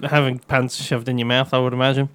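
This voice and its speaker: A man's voice: medium pitch, little pitch movement, fast, clear, resonant tone. A man co-hosting a podcast, joking around in casual chat. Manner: jokey, puts on silly voices. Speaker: podcast co-host.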